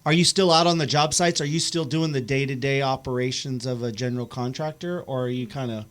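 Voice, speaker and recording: A man's voice: mid-range voice, brisk. A man co-hosting a radio chat, playful and curious, asking the guest questions. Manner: playful, laughs, asks questions. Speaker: radio co-host.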